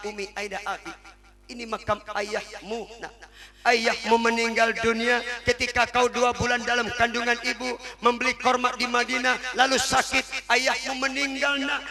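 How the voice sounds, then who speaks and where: A man's voice: very high voice, creaky, pitched above the performer's own voice, exaggerated voice. A male preacher voicing a tearful widowed mother who speaks tenderly and soothingly to her small son. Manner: tender, soothing, repeating gently. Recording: sermon with loud music behind.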